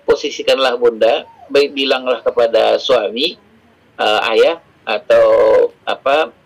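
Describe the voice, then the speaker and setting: Husky man teaching a parenting class. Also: medium pitch, low-quality recording. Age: middle-aged. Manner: conversational, addresses audience as fathers and mothers; acts out quoted dialogue in varied voices. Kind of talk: parenting seminar talk.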